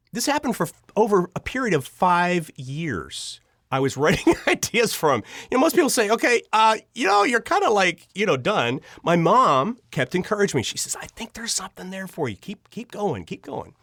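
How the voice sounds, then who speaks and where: A middle-aged American man, an audio drama writer, is interviewed on a podcast and tells his personal stories in an animated, chatty way, voicing bits of dialogue from memory. He has a high, sing-song voice with a fairly bright tone and moderate pace, and the clean studio sound has no echo.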